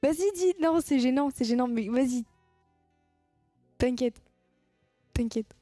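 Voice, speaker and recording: A woman's voice: high voice, a little slow, warm tone, no echo, faint music behind. A woman chatting casually with her viewers on a live stream, teasing them and laughing at her own jokes.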